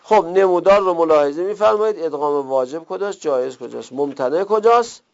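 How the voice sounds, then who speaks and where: A man's voice: a little high, lively intonation, gravelly, lo-fi sound. A man teaching an Arabic grammar lesson, explaining step by step and asking and answering his own questions. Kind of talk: recorded classroom lesson.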